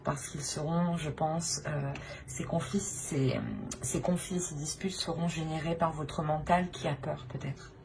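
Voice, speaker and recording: A woman with a low, gravelly voice and fairly even intonation speaks unhurriedly as she gives her viewers an unscripted tarot reading. She's a tarot reader hosting her own channel, and she sounds hesitant, repeating phrases and often adding a "hein." There's noticeable background noise in the recording.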